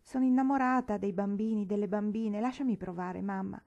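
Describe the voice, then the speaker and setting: A woman's voice: medium pitch, brisk, dark tone, muffled recording, pitched above the performer's own voice, close to an everyday voice. A woman doing an eager, pleading eighteen-year-old girl. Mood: earnest pleading. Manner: earnest, insistent.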